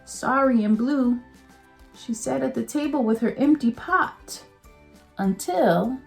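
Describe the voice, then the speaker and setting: Slow, expressive woman reading aloud. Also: high voice, creaky, faint music behind. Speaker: teacher. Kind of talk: children's picture book read-aloud.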